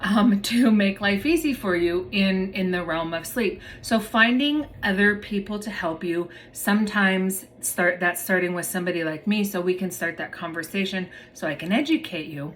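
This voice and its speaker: A woman's voice: mid-range voice, moderate pace, hardly any pauses, a bit bright, a little hiss or hum. Chatty woman therapist explaining to viewers. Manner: chatty, explains plainly, addresses viewers as "you guys". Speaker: myofunctional therapist. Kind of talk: casual educational talk to viewers.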